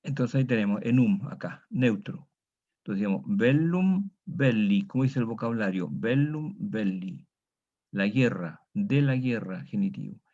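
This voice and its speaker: A man's voice: fairly low pitch, a little fast, a little mellow, husky. A man teaching a Latin grammar lesson, patiently drilling students through declensions and checking in with them often. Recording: dull lo-fi recording.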